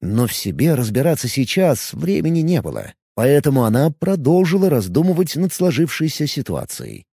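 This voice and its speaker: Expressive male audiobook narrator. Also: on the high side, normal speed, vocal fry, hardly any pauses, slightly rough, no echo, studio quality. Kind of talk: scripted fantasy narration.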